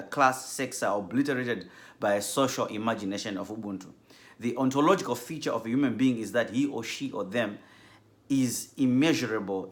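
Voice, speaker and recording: A man from Zimbabwe giving a measured, earnest class introduction as a doctoral theology student, with frequent ums. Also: mid-range voice.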